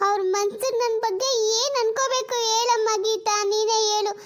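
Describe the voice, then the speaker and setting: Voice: very high voice, fairly even intonation, normal speed, pitched above the performer's own voice. A performer voicing a grieving elderly mother-in-law who laments and sobs in a family drama. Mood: wailing. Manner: wailing and lamenting, sobbing pleas.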